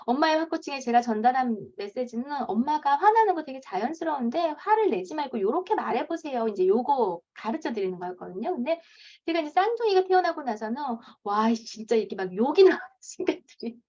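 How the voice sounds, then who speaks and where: High-pitched woman coach lecturing to moms, swoops all over, acts out the parent lines. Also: very animated, brisk, hardly any pauses, darkish tone. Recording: dull lo-fi lecture recording.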